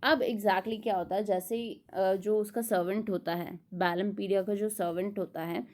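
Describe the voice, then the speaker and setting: A woman teaching an exam-prep literature lecture, explaining in Hindi and reading English summary lines slowly, asking and answering her own questions. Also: mid-range voice, fairly even intonation, darkish tone.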